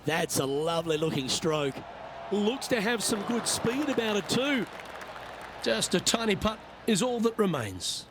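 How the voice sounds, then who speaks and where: Calm golf play-by-play man, slightly high. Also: a crowd in the background, noisy background. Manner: calm, measured play-by-play calls. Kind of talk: prerecorded video game sports commentary.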